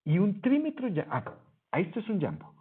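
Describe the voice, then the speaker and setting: A man with a high-pitched voice and huge pitch swings teaches a Greek lesson over a screen recording at normal speed, explaining patiently and correcting himself as he goes. His voice is husky, the sound narrow and phone-like, with slight background noise.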